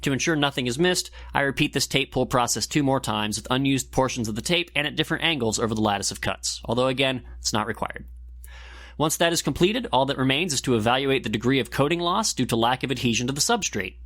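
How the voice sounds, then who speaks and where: A lab technician presents a scripted explainer segment, walking through it methodically one step at a time. His mid-range voice is expressive and a bit bright, and he talks fast.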